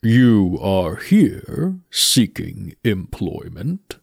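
A man plays Death as a grave, unhurried skeleton, each word weighed out slowly. The voice sits low and hollow with a husky, gravelly grain. He stays calm and courteous throughout. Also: dry recording, clean studio sound, heavily acted. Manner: slow, measured, grave delivery.

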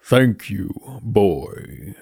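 Death in a storybook: a man doing a solemn skeleton, low, slow and hollow, gravelly. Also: expressive, a little mellow, no echo, clean studio sound, exaggerated voice. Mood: courteous. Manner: slow, measured, grave delivery. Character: Death, a solemn male skeleton, calm and courteous.

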